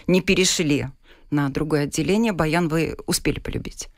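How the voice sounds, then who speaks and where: A woman hosting a podcast, reading a measured introduction and then asking interview questions. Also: sits low, dry recording, studio quality. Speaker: podcast host.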